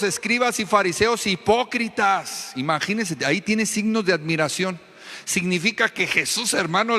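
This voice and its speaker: Man, pastor, emphatic sermon, high pitch, church hall reverb. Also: gravelly, bright, forceful tone. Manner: emphatic, confrontational preaching with call-and-response to the congregation. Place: church sanctuary.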